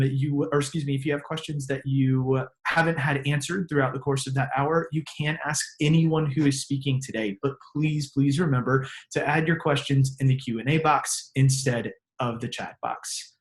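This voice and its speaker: A man's voice: mid-range voice, fairly even intonation, moderate pace. A man hosting an online open house on a video call, reading scripted introductions with small slips. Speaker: host. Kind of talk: webinar hosting.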